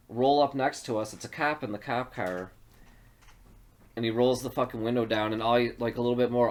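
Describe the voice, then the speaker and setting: A man tells a long story in casual podcast chat. His delivery is loose and rambling, full of swearing and laughter. His pitch sits in an ordinary middle range. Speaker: podcast co-host.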